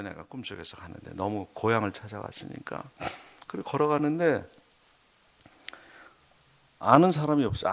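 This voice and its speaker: A middle-aged man, a missionary, preaching a heartfelt testimony sermon in church, dropping to hushed murmurs and then rising to loud, emphatic bursts. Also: mid-range voice, vocal fry. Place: church sanctuary.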